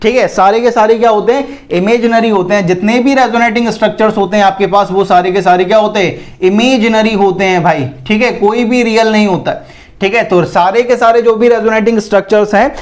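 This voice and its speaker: A man's voice: high voice, brisk. A man teaching an exam-prep chemistry lecture, asking the class questions and answering them himself, calling students "bhai". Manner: repetitive, asks and answers own questions; calls listeners "bhai".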